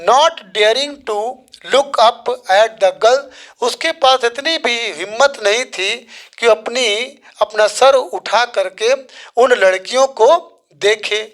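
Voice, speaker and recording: Slow teacher explaining English text in Hindi. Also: mid-range voice, a bit bright. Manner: reads English slowly, then explains in casual Hindi.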